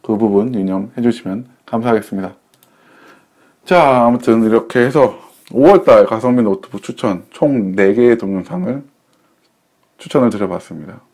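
Talking at a normal speed in a fairly low, slightly mellow and expressive voice, a man reviews budget laptops in a relaxed, chatty way. The tech reviewer frequently corrects himself partway through sentences and leans on simple analogies to explain.

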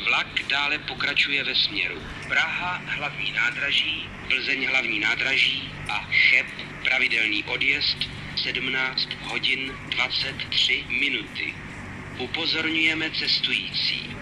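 A man making formal, measured, pre-recorded railway announcements in segmented phrases over a station public address system. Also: mid-range voice. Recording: noisy station loudspeaker recording.

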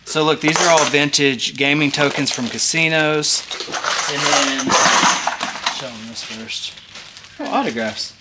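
A man in his thirties hosts a casual storage-unit vlog, excitedly chatting straight to viewers as he digs through boxes in an indoor self-storage hallway. His voice is a little high and unhurried, and there's heavy background noise.

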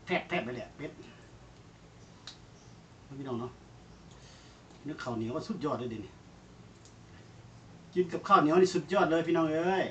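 A cooking vlogger from Northeast Thailand, speaking with an Isan Thai accent, chats casually to viewers while grilling over charcoal and calls them brothers and sisters. His voice is on the high side and animated, at a moderate pace with long pauses. The audio is dull, with a little hiss or hum.

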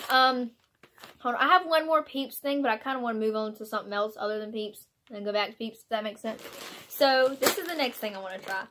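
A woman's voice: a little high, fairly bright tone, a little hiss or hum. A young woman taste-testing candy in a casual vlog, bubbly, exclaiming and laughing often. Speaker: vlogger.

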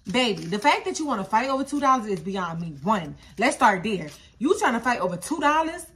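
A young woman, chatting straight to her phone camera in a storytime vlog. Her voice is bright and sits a little high. She gets animated, repeating phrases in incredulous high-pitched bursts, with a faint hiss of noise in the background. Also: moderate pace. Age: young adult. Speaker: vlogger.

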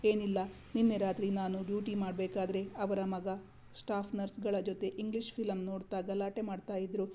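Lady doing a teary young woman doctor, pleading, warm, kinda flat delivery. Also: mid-range voice, slight background noise, natural voice. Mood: hurt. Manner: pleading, tearful, halting.

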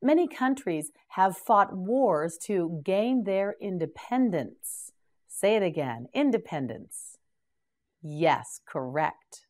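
A woman teaching English vocabulary, saying each word slowly and patiently prompting the learner to repeat it. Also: medium pitch, big pitch swings, darkish tone. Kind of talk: slow drilled word repetition.

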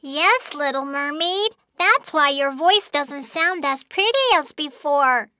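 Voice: high-pitched, expressive, slow, sharp tone, exaggerated voice. A performer voicing a cheerful young baby shark dentist in a preschool cartoon, speaking simply and reassuringly. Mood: upbeat, helpful. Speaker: cartoon doctor character. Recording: music under the voice.

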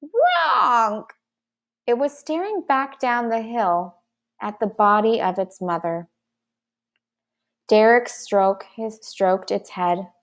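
Slow-reading woman narrating a storybook. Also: medium pitch. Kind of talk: reading a children's book aloud.

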